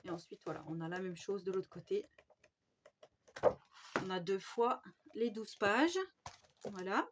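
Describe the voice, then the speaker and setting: A woman's voice: mid-range voice, measured pace, long pauses, muffled recording. A woman, chatting enthusiastically through a haul of craft supplies, with many fillers and restarts. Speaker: scrapbooking vlogger. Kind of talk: casual product haul chat. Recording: faint background noise and clicks.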